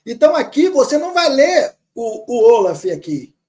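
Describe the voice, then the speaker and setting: A man teaching grammar, reading words slowly from a text and repeating them patiently. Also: very high voice, very animated, dark tone. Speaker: teacher of Syriac Aramaic.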